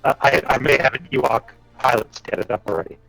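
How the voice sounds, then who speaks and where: A man's voice: mid-range voice, quick pace, vocal fry, a bit bright, soft background music, poor audio. A man talking casually as a tabletop game player over a wireless headset, with his voice breaking up on a bad online connection. He talks hesitantly and restarts his phrases. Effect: choppy online connection, voice breaking up.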